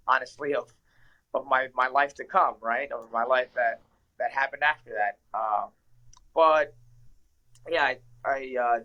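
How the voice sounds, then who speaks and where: A young Ecuadorian man who fights professionally in mixed martial arts answers interview questions as a guest, earnest and reflective with frequent fillers. His medium-pitched voice has a sharp tone on a rough recording.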